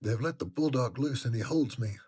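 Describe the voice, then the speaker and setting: A man voicing a brave young girl who speaks in a hushed, urgent way. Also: mid-range voice, expressive, a little fast, husky, pitched above the performer's own voice. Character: bold young girl, injured but brave.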